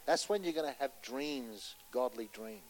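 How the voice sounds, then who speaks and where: A man preaching a sermon with passion, pressing his points loudly and then dropping to a hushed voice to tell a story, and putting questions to his listeners. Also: mid-range voice, normal speed, rough recording. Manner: impassioned, swinging between loud urgency and hushed storytelling; asks the audience rhetorical questions.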